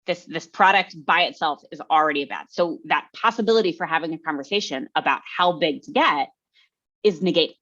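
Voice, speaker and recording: A woman leads an online workshop with a lower-pitched voice, chatting casually and often tagging her points with a quick question to the group. The call audio is dull and lo-fi. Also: fairly bright tone. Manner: conversational, often tags sentences with "right?". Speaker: workshop presenter. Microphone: video call.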